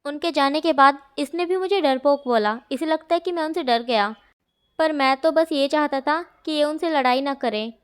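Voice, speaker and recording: A woman voicing a calm, stern young male student who speaks firmly and scolds his friend. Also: high-pitched, moderate pace, natural voice. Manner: firm, scolding.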